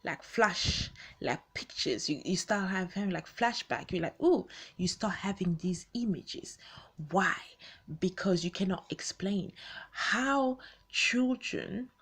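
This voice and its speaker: Speaking unscripted to her online audience, a late-twenties video host who was born in Congo, grew up in Belgium, and moved to the UK in her teens chats conversationally, rephrasing often and posing questions. Her mid-range voice is animated, fairly bright, and slightly rough, and her pace is slow.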